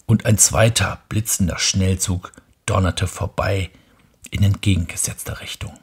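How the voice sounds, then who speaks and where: A man reading a bedtime story aloud in a hushed, half-whispered voice. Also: sits low, steady tone, unhurried, breathy edge.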